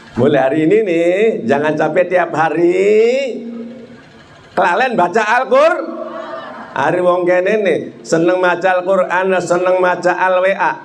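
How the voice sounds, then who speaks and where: Lively preacher man. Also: reverberant, slight background noise. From Indonesia. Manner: swings between loud pitch peaks and slow drawn-out phrases, joking with the crowd. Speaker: Islamic preacher. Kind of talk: lively sermon to a congregation.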